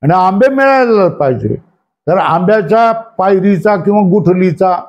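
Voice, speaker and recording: A man's voice: high-pitched, lively intonation, normal speed, highs cut off. A male spiritual teacher giving a scripture class, constantly questioning his students and telling them to number and underline passages. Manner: asks the class constant questions and checks for agreement.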